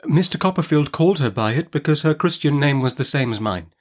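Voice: mid-range voice, animated, a little fast, voice pushed up, close to an everyday voice. A narrator voicing a meek young mother-to-be in an audiobook, faltering, faint and innocent.

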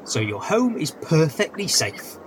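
A man's voice: a little high, very animated, measured pace, a little hiss or hum, rough recording. A man playing a bumbling crook posing as an old-fashioned policeman in a comedy sketch, with a hammy stage-actor delivery. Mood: officious, theatrical. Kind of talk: comedy audio sketch acting.

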